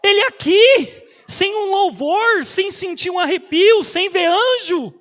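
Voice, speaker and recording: A man, an auxiliary pastor telling a lively testimony in a sermon and often turning to the congregation. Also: extremely high pitch, takes it slowly. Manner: lively, animated storyteller who often speaks to the congregation.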